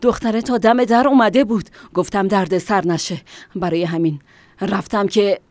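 A woman's voice: mid-range voice, fairly even intonation, a little mellow, dry recording, lightly acted. A woman dubbing a middle-aged wife who placates and defends herself in a family quarrel. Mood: placating. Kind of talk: Persian dub of a TV drama.

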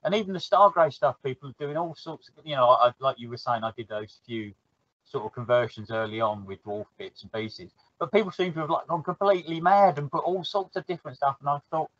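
A man's voice: a little high, a little fast, a bit bright, dry recording. Casual South London man, rambling and good-humoured; dry, slightly muffled audio. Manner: chatty, laughs easily, trails off and restarts. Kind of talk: casual chat.

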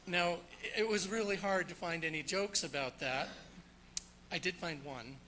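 Man, preacher, sermon, very bright voice, faint room noise. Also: high-pitched, a little slow, rough recording. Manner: jokey, storytelling, then explanatory. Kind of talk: sermon with jokes. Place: church sanctuary.

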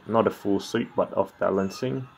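A man's voice: fairly low pitch, moderate pace, gravelly, low-quality recording. A man giving casual, laid-back reaction commentary on a Muay Thai fight in sparse remarks and short interjections, over background noise. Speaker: fight commentary video creator.

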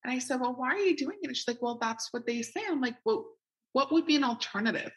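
A woman's voice: sits high, lively intonation, fast talker, poor audio. A woman hosting a coaching podcast, enthusiastic and affirming as she chats with her guest. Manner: enthusiastic, affirming, laughs often. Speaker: podcast host. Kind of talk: casual interview chat.

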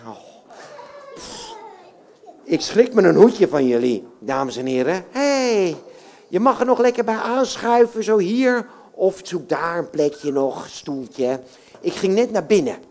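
A woman's voice: on the low side, mellow. A woman puppeteer leading a children's audience at a live show, cheerful and encouraging. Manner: encouraging, cheerful, coaxes the crowd with "hè?".

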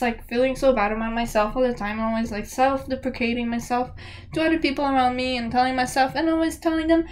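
A young woman giving a candid, emphatic motivational talk to camera, often checking in with "okay?". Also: sits high. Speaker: self-help vlogger.

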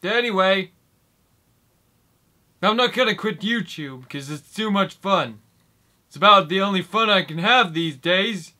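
A young man of twenty rambles through a comic vlog in a slow, halting, mock-doddering way, leaving long gaps between words. His voice sits high and sounds bright and forceful. He speaks into a desk microphone in a small indoor room. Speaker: YouTuber. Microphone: desk microphone in front.

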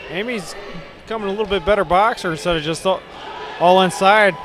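A man's voice: high voice, a little fast. A man giving casual live boxing commentary from ringside in a sports hall. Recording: live camera audio with clear crowd noise.

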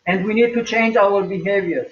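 Older man, pastor, sermon, measured and slow, high voice, echoey distant webcam sound. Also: lo-fi sound. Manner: slow, measured preaching with emphatic rises. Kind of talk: recorded sermon. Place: small home room, indoors.

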